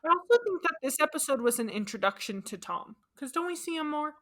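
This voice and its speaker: A woman's voice: high voice, expressive, a little fast, a bit bright. Easygoing young woman cohost. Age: young adult. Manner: agreeable, short replies, easy laughs. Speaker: podcast co-host. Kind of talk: casual chat.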